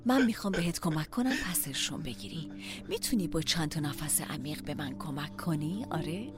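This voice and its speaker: A protective wife in a dubbed film, speaking gently and coaxingly. Her voice sits low for a woman and rises and falls widely. A loud film score runs beneath her. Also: animated, over music. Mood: soothing. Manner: soothing and motherly, then firm. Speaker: wife caring for her husband.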